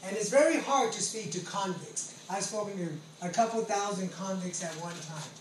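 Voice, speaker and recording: At a moderate pace and in a high voice, this Californian pastor in his late forties, once a convict, gives a testimony sermon. He is earnest and emphatic and often repeats his phrases. Background noise, a distant mic and a roomy echo mark the recording.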